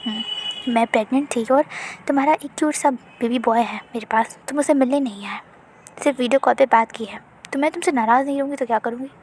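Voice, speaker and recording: A woman's voice: high-pitched, quick pace, a little mellow, slight background noise, natural voice. A woman voicing a mother who teases and scolds her spoiled son in a narrated story. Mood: scolding. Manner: teasing, scolding. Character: teasing mother, scolding and dry.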